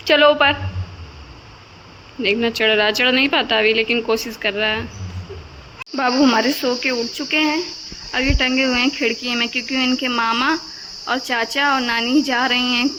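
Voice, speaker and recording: A woman's voice: fairly high pitch, long reverb tail, background noise. A woman casually narrating a home vlog of her toddler, chatting to viewers and cooing at the baby. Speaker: vlogger filming her toddler. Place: home, indoors.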